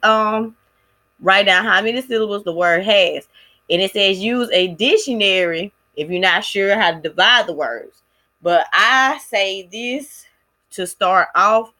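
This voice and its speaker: Woman, clear bright tone, casual lesson-plan presentation, halting with fillers. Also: mid-range voice. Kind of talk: recorded class presentation.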